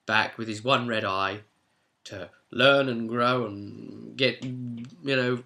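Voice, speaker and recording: With a forceful, bright, mid-pitched voice, a British man narrates what happened in a tabletop role-play session. Acting as the game master, he keeps the recap casual, talkative, and animated.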